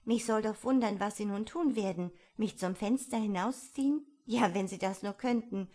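A woman voicing the young girl Alice, talking to herself in a lively, wondering way. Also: mid-range voice, normal speed, close to an everyday voice. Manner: lively, wondering self-talk.

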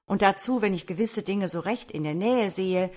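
Woman reading Mistifax, loud young peasant. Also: mid-range voice, moderate pace, lightly acted. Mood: exclaiming. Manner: loud, exclaiming. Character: young male peasant, fretful, sly.

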